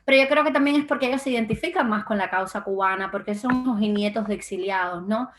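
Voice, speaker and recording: A woman's voice: medium pitch, fast. A young woman from Cuba, a guest in a political interview, speaking with frequent fillers and restarts. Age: young adult. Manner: hesitant, many fillers and restarts. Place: lives in Florida.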